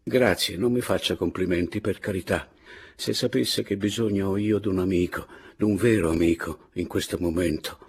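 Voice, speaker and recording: A man's voice: sits low, moderate pace, a little mellow, slightly rough, full character voice. A man voicing a tearful, bitter aging spinster who pleads and laments in an audiobook reading. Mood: despairing plea.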